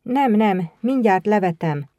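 Timid young boy, pleading, unsure, read by a woman with a mellow, dry voice. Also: medium pitch, animated, no echo, highs cut off, close to an everyday voice.

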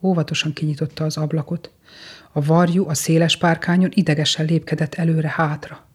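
Gentle storybook reader, husky voice. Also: medium pitch, level tone. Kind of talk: storybook narration.

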